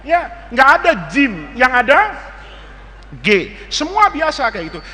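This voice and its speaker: A man's voice: very high-pitched, sing-song, moderate pace, bright, forceful tone, big-room sound. A man with an Indonesian accent giving a playful religious lesson to students, joking and mimicking dialects as he spells out words. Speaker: Islamic teacher.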